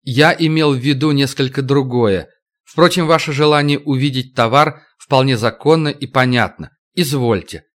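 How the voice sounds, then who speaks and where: A man voicing a polite, cautious aristocratic count who speaks in a formal, measured way. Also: mid-range voice, fairly bright tone, close to an everyday voice. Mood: courteous.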